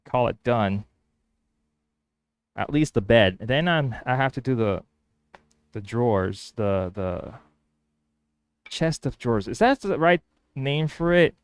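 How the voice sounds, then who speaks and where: In a dry, clean-toned recording, a man with a mid-range voice talks slowly with lively intonation and long pauses. Spanish is his first language, and he's thinking aloud in a casual workshop vlog about his woodworking build, restarting hesitantly as he goes.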